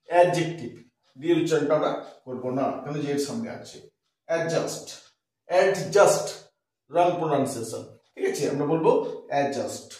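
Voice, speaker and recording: A man's voice: on the high side, darkish tone, far from the mic. Man teaching in an echoey room. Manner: spells words letter by letter and repeats them, asks checking questions. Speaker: English teacher. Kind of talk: pronunciation lesson.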